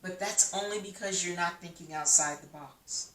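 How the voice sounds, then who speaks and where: A woman's voice: on the low side, moderate pace, a bit bright. A woman vlogger from the United States giving an emphatic motivational talk full of rhetorical questions. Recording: echoey room, mic at a distance.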